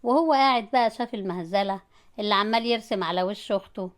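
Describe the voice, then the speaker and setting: A woman with an Egyptian Arabic accent, narrating a comic story in a brisk, animated way. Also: medium pitch.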